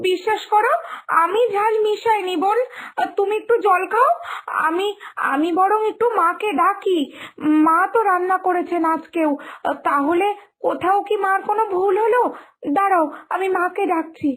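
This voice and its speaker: A woman voicing a gentle young new bride who pleads softly and apologetically, for a cartoon story. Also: extremely high pitch, rough recording.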